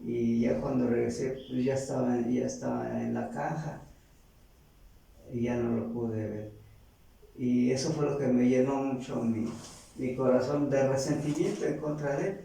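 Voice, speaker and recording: A man with a Mexican accent giving a halting, earnest personal faith testimony, often repeating words. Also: mid-range voice, lively intonation, gravelly, warm tone. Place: large church hall. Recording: echoey church from far off.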